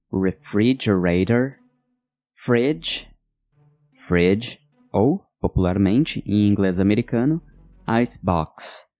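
A man narrating a vocabulary lesson, saying each word twice slowly and carefully. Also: lowish voice, mellow, dry recording. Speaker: vocabulary teacher. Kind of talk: slow, deliberate vocabulary drill narration.

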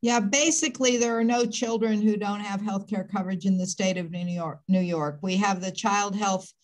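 A woman's voice: mid-range voice, steady tone, normal speed, poor audio. An older woman on a video call panel, explaining medical facts in an informative, matter-of-fact way.

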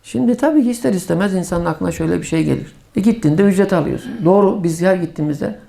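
Gravelly middle-aged guy preaching, tells stories and gets loud and high on the big points. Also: fast. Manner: emphatic storytelling, rising to sharp high exclamations. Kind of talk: sermon with personal stories.

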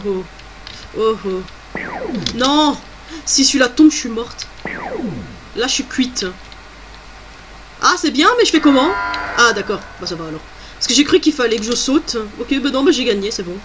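A woman doing let's play commentary, chatty and exclamatory, thinking aloud as she plays. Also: a little high. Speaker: gamer.

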